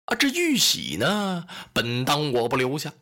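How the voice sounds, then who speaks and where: A man voicing a pompous, incompetent middle-aged warlord who talks down to others in a slow, haughty drawl. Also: a little high, wildly swooping pitch, bright, forceful tone, voice pushed down, exaggerated voice. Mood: greedy.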